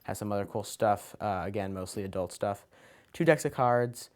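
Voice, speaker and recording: A children's magician walks through his kit item by item in a casual show-and-tell, speaking informally, hesitantly, and with loose improvisation. His voice is fairly low, at a moderate pace.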